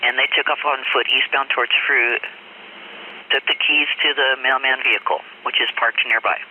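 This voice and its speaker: A man, a police dispatcher, calling out units over a police radio transmission in flat, businesslike dispatch style. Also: mid-range voice, normal speed, dry recording. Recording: tinny radio with static hiss.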